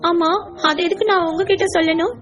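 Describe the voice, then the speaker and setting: A woman's voice: very high-pitched, fairly even intonation, fairly quick, fairly bright tone, soft background music. A woman voicing a stubborn, hurt little girl in an insistent, childlike way for an audiobook. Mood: earnest. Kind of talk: audiobook character voice.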